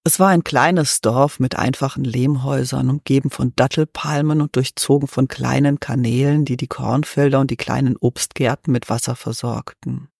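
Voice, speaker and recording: A man narrating a fairy-tale story in a measured, even reading. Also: mid-range voice, vocal fry, slightly rough, no echo, studio quality.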